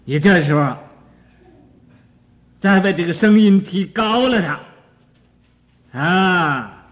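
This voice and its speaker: An older man, a Buddhist teacher, lecturing slowly on a sutra commentary, with frequent "ah" fillers and sudden swings between soft and loud. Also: high voice. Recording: dull archival recording in a reverberant hall.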